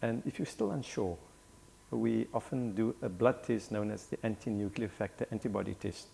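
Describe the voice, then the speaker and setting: A man, a doctor guest on a studio talk show, explaining in a measured way. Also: on the low side, gravelly, dark tone, a little hiss or hum.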